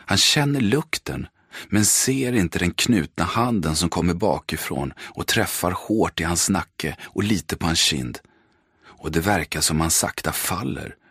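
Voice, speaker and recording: A man narrating an audiobook in measured, terse, dramatic sentences. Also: low voice, a bit bright, slightly rough, no room sound, studio quality. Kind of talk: scripted narration.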